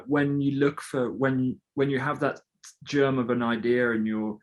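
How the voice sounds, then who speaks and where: A man in casual conversation, reflectively and loosely explaining how he works. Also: medium pitch. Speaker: guest storyteller.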